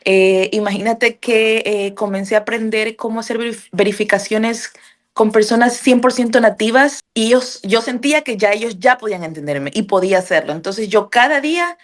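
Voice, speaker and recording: A woman's voice: on the high side, normal speed. Chatty woman with frequent fillers. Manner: frequent "eh" fillers and "¿verdad?" tags; acts out remembered dialogue. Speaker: interviewee sharing a testimonial. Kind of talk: casual conversational testimony.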